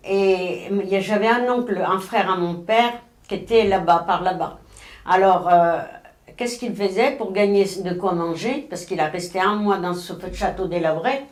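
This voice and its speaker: A woman's voice: medium pitch, normal speed. A woman in her nineties from Spain, recalling her past in an interview, rambling with many restarts and self-corrections. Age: 90s. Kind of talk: oral history recollection. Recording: roomy, echoey room.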